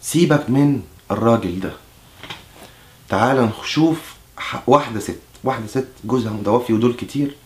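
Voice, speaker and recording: Egyptian man, brisk mock-candidate patter, keeps restarting his sentences. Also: mid-range voice. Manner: fast, chatty, self-interrupting. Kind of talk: satirical campaign monologue.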